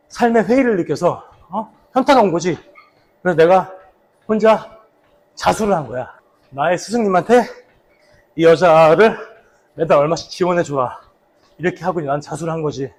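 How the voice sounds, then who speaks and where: Guy doing a casual vlog while jogging, kinda high voice w some husk, telling old stories. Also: darkish tone. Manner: talking while slow running. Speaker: actor, vlog host. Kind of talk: casual vlog reminiscing about a past drama role.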